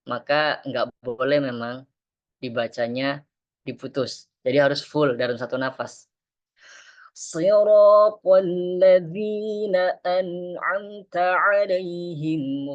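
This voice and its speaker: A man teaching Quran recitation in an online class, explaining patiently and chanting verses slowly. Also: medium pitch, highs cut off.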